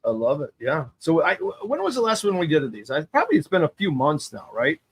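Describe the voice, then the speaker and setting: Eager male host, fairly high voice, dry close mic. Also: wildly swooping pitch, fast talker, breathy edge, no room sound. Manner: enthusiastic, affirming, repeats himself. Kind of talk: casual interview chat.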